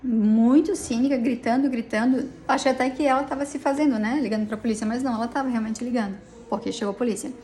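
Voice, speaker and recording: Middle-aged woman, tired, agitated, rambling, fairly high voice, faint background noise. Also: fairly even intonation, quick pace, few pauses, warm tone. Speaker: vlogger recounting a personal dispute. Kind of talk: emotional personal account. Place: inside a police station.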